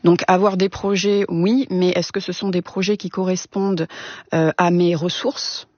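Careful, hesitant woman with a husky voice. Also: fairly low pitch, level tone, moderate pace, a little mellow, dry recording. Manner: careful, hesitant, many fillers. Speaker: therapist guest. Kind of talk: explaining in a studio discussion. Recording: slightly dull, muffled sound.

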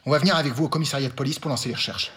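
A man's voice: mid-range voice, very fast, a bit bright, natural voice. An actor playing a flustered, outraged father in a comic audio drama.

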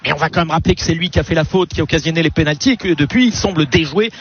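High-voiced radio football commentator man. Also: a bit bright. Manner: brisk, descriptive, with frequent hesitations. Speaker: play-by-play commentator. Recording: lo-fi radio broadcast with faint noise.

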